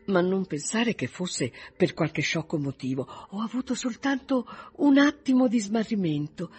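A man reading aloud, voicing a gentle, modest young woman who speaks softly and earnestly. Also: sits high, lively intonation, normal speed, pitched above the performer's own voice.

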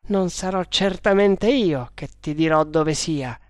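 Reader putting on a proud stubborn sepoy sergeant from a storybook, scornful, defiant, raised higher voice, slow, dry close sound. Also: clear, resonant tone, dry recording, natural voice. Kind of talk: audiobook reading of an adventure novel.

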